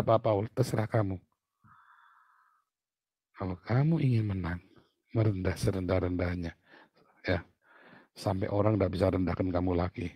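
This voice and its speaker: Male preacher, conversational sermon, anecdotal and animated, mid pitch, dry room. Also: no echo. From Indonesia. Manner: animated, storytelling with asides and laughs.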